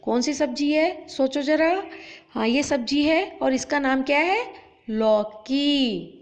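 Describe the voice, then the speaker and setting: A woman teacher giving an online lesson to children, stretching out example words slowly and asking questions that she answers herself. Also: sits high. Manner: slow, drawn-out pronunciation of example words. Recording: dull lo-fi audio.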